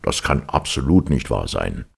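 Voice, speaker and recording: A man voicing a stern, commanding king in a storybook reading, speaking lower and slower than his narration. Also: sing-song, vocal fry, slightly rough, full character voice.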